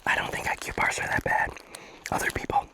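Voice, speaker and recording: A hiker whispering casually to viewers in an ASMR vlog, chewing food while talking on a mountain trail. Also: a little fast. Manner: casual, chatty, addresses viewers as guys. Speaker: ASMR hiking vlogger. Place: outdoors on a mountain hiking trail. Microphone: action camera.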